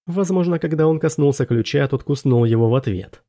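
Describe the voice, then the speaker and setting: A man narrating a first-person fantasy audiobook in a measured, steady storytelling manner. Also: fairly high pitch.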